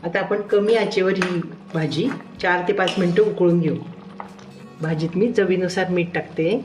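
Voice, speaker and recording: A woman host giving calm, homely step-by-step cooking narration. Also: fairly low pitch, normal speed, roomy sound, soft background music. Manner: calm, homely, repeats 'chhan' and 'mast'.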